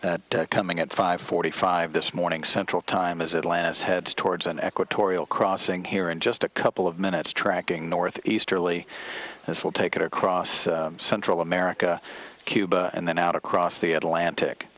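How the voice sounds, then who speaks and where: Deep, even-toned male mission commentator. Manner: measured, halting with frequent hesitations. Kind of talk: unscripted technical commentary.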